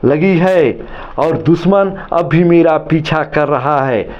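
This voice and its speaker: A man's voice: on the high side, slow pace, highs cut off, voice pushed up. A man voicing a wounded young soldier who urgently pleads with his mother. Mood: pleading.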